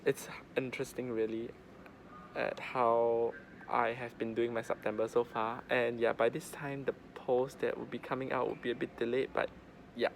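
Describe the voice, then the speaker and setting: A man's voice: mid-range voice, flat delivery, moderate pace. A man giving a casual, rambling travel vlog update with informal phrasing and lots of filler words. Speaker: travel vlogger. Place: airport boarding gate seating. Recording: clear background noise of airport.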